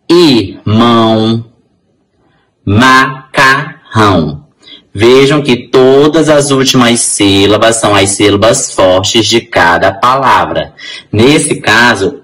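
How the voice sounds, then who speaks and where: Guy teaching a grammar class, lowish voice, really slow and careful. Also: fairly bright tone, low-quality recording. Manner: slow, syllable-by-syllable example words; addresses class directly. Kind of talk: grammar lesson.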